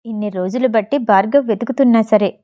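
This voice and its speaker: A woman from South India reading an audio novel aloud with expressive storytelling. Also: on the high side, fast talker, muffled recording. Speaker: audiobook narrator.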